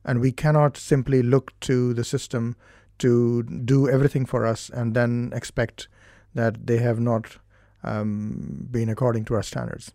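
A man from India with an Indian accent, a doctor explaining his therapy in a studio interview in a measured way, pausing to find his words. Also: medium pitch, level tone, mellow, no room sound.

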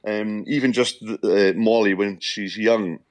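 A man in his fifties from Shetland with a Shetland Scottish accent, chatting as a radio interview guest in a halting way, often repeating words. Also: fairly low pitch, fairly even intonation, no echo. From Shetland, Scotland. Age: 50s.

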